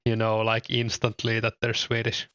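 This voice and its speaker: A young man streaming with a Finnish accent chats casually and somewhat hesitantly as he games and reads his chat, relaxed and full of fillers. His fairly low voice comes through in a dry recording with dull audio.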